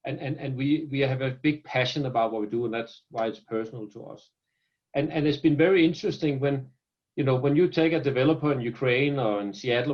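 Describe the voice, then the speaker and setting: With a medium-pitched, slightly mellow voice, a Danish founder talks earnestly in a video-call business interview. He has a Danish accent, frequently restarts by repeating words, and the audio sounds muffled.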